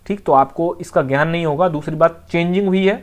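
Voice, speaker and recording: Talking fairly quickly in a mid-range voice, an exam coaching teacher explains material informally. Points get repeated, and check-in phrases come up often to confirm the students are keeping up.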